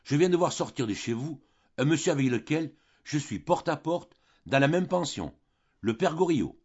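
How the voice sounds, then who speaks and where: A man's voice: on the high side, lively intonation, moderate pace, a little mellow, slightly rough, highs cut off, voice pushed up. A man reading the lines of an awkward, earnest young male student in an audiobook. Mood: eager.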